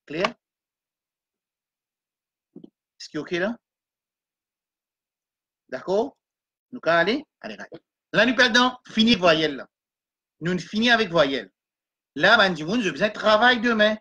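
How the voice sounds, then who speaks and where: A man leads a Quran reading lesson, sounding out each letter and vowel slowly and repeating syllables for his students. His voice sits high for a man, with a bright, forward tone. He drifts between French, English and Arabic terms as he explains. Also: animated, dull audio. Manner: slow and repetitive, sounding out syllables one by one.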